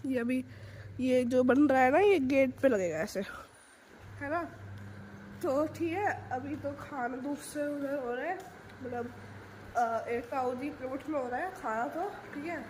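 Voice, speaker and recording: A hoarse young woman with a sore throat, chatting in a rambling casual vlog and filming on a handheld phone at home. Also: sits high. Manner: chatty, rambling, fills with "theek hai" and "hai na". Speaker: vlogger. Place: home, preparing a family ceremony. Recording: noisy household background.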